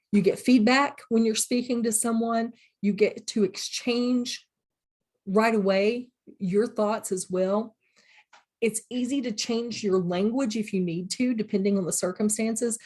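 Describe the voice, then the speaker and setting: A woman's voice: medium pitch, darkish tone. A middle-aged woman, a college instructor, giving a recorded lecture in a plain, practical way, with examples from her own classroom.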